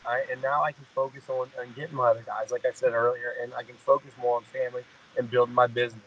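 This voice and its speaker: A man's voice: mid-range voice, flat delivery, fast talker, slightly rough, lo-fi sound. A man in his mid-thirties, a fighter, talking in a casual interview, rambling and repeating "you know what I mean". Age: 30s. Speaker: guest fighter.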